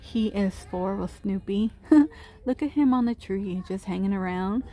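Gushing over cute finds, a woman chats through a shop-with-me walkthrough of a big indoor store, filming with a handheld phone camera for her shopping vlog. She has a medium-pitched, dark-toned voice and speaks a little slowly.

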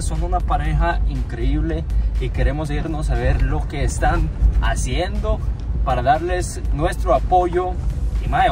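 A man, hosting a casual, enthusiastic travel vlog at arm's length, outdoors and in a car. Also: fairly high pitch. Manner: enthusiastic, slangy, selfie-style narration. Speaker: vlogger host. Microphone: phone or camera at arm's length. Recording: background music.

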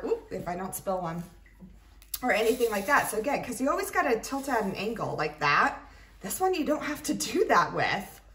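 This craft reviewer's medium-pitched voice comes across pushed and bright as she demonstrates products in a loose, talkative way at a tabletop. Faint noise and clicking fill the roomy indoor recording, made on a distant mic, while small objects rattle in her hands.

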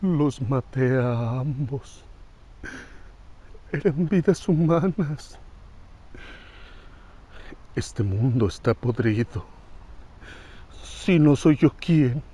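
A man's voice: mid-range voice, lively intonation, very slow, pauses often, mellow. A man doing a cold, grim anime genius. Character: cold self-righteous young man, megalomaniac.

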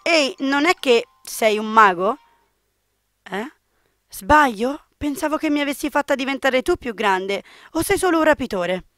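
A woman voicing an innocent but suspicious little girl in a dating game, reading her lines in a high, childish, indignant way. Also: expressive, unhurried, a bit bright, no echo, clean studio sound, faint music behind. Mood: eager. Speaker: game player reading a character.

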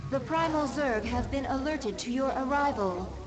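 A woman's voice: sits high, expressive, normal speed, rough recording. A woman voicing a composed, servile alien advisor creature in a video game, reporting formally. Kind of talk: video game character acting.

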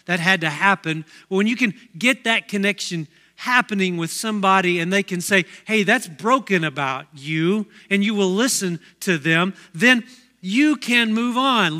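A man's voice: high-pitched, sharp tone. A middle-aged man preaching a sermon as pastor, telling a personal story in a conversational way with many asides. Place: church sanctuary.

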